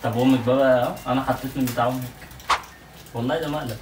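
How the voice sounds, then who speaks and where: A man's voice: medium pitch, steady tone, rapid-fire. A young Egyptian man pranking his wife at home, stammering through defensive denials, recorded on a phone set across the room. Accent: Egyptian Arabic. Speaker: prankster husband, channel co-host. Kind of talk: casual prank argument at home. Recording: echoey room, camera far off, noisy.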